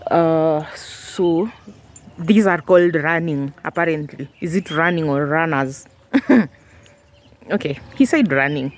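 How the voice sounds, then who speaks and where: A woman's voice: low voice, slow pace, slight background noise. A woman vlogging casually from a house building site, rambling with fillers and talking around a candy in her mouth. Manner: chatty, rambling, with fillers and laughs. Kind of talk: casual vlog narration.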